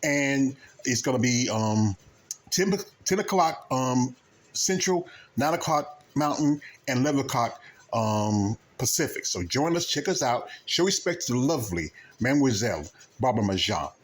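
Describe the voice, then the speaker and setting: Man hosting a vlog, halting delivery. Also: medium pitch, lively intonation. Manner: halting, with stammered repeats and broken-off words. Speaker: YouTube host. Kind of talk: casual vlog monologue announcing an interview.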